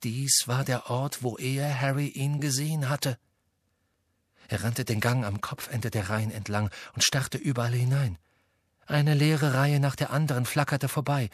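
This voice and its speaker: A man narrates a novel in a measured storybook manner. His voice is husky, with a mid pitch. The recording is dry and close, with no room sound. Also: fairly even intonation, dry recording. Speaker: audiobook reader. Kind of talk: scripted narration.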